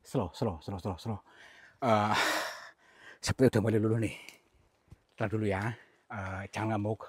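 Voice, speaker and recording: A man from Central Java presents a staged ghost-hunting vlog outdoors. He talks in a hushed, coaxing way and often drops to a whisper. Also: lowish voice, fairly even intonation, normal speed, no room sound. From Cilacap, Central Java. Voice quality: very husky. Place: outdoors on an overgrown hillside.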